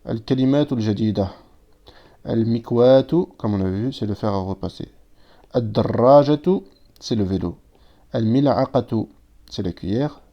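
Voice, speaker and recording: A man's voice: mid-range voice, moderate pace, long pauses. Patient man teaching, dull lo-fi sound. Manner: patient step-by-step explaining, reading out Arabic words and translating them. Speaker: Arabic teacher. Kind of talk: recorded online lesson.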